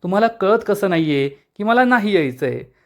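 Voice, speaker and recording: A man's voice: high voice, expressive, fairly quick, pitched above the performer's own voice. A man voicing a frustrated, dreamy young woman, speaking in a pleading tone. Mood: wistful.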